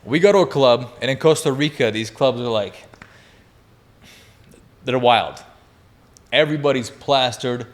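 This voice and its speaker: A podcast guest in his twenties tells a wild story in a casual conversation, full of energy and swearing, laughing along the way. He speaks at a medium pitch and a measured pace, with long pauses.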